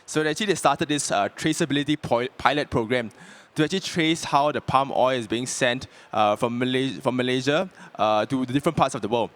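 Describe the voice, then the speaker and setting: A man's voice: medium pitch, a little fast, fairly bright tone. A man from Southeast Asia speaking on a conference panel, hesitant, with many fillers and restarts. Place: conference stage.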